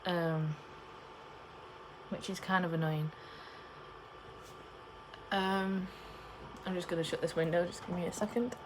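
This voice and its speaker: A woman's voice: fairly low pitch, steady tone, a little slow, long pauses, background noise. A young woman chatting casually to camera in a rambling, storytelling way. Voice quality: cannot pronounce P in the middle of words. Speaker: pregnancy vlogger.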